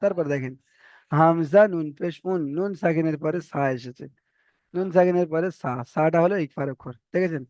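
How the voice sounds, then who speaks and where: A man teaching Quran reading, spelling out letters and vowel marks and then chanting each word slowly. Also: a little high, darkish tone, no room sound. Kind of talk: spelled-out recitation lesson.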